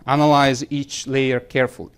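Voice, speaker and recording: A man presenting at a technical conference, recapping advice and answering a question in a measured way. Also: medium pitch, little pitch movement, clear, resonant tone. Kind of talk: conference tech talk. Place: conference room.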